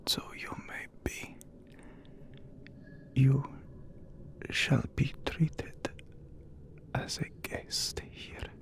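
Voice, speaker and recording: Man playing Count Orlok, whispering slow vampire lord. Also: medium pitch. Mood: courtly welcome. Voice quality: breathy whisper. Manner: slow, formal, archaic, imperious phrasing. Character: immortal male vampire count, haughty and courtly. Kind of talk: whispered ASMR roleplay.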